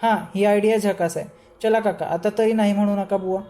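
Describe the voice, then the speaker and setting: An eager young man speaks earnestly, full of curiosity. A woman reads him aloud in a storybook reading. Her voice stays mellow. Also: medium pitch, fairly even intonation, brisk, natural voice.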